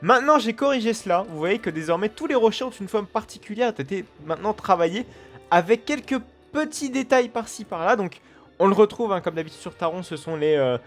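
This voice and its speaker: A man's voice: high voice, expressive, brisk, soft background music. A man hosting a let's play, giving casual, rambling commentary full of fillers and restarts.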